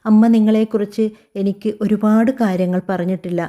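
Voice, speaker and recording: A woman voicing a guarded young adult daughter who asks quiet, direct questions. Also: medium pitch, fairly even intonation, a little fast, natural voice.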